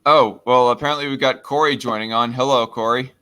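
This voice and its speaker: Bright, clear-voiced young man hosting. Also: mid-range voice, fairly even intonation, a little fast. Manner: hesitant, laughing, many fillers. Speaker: stream host. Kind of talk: casual stream hosting.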